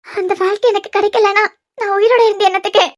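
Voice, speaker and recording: Cartoon lead: woman doing an obsessive, vengeful young woman, Kanyakumari Tamil accent, tearful, pleading, very high and thin. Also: steady tone, fast. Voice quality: very high-pitched. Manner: pleading, self-pitying. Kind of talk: cartoon serial voice acting.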